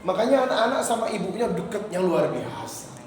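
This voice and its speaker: Male preacher giving a sermon, voice a bit high, heavy echo, sounds far from the mic. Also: fairly quick. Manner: lively storytelling, quotes verses and questions the audience. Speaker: Islamic preacher. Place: mosque hall. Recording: echoey mosque hall from far off, noisy.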